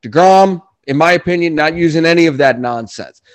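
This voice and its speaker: A man's voice: fairly high pitch, a little fast, no echo, poor audio. A man co-hosting a sports podcast, talking bluntly and swearing freely as he argues his opinions in casual chat. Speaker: podcast co-host.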